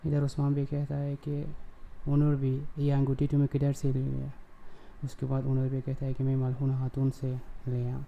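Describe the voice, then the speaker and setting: A man recaps a TV drama episode on his own channel, speaking casually and haltingly with frequent fillers and self-corrections. His voice is medium-pitched and mellow.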